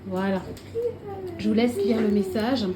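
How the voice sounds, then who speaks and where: A woman's voice: medium pitch, measured pace, background noise. A woman chatting casually to camera as a vlogger, showing her purchases at home, full of fillers and self-corrections.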